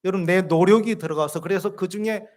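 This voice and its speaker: Man, pastor, church sermon, lively storytelling, questions to the congregation. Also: sits high, fast.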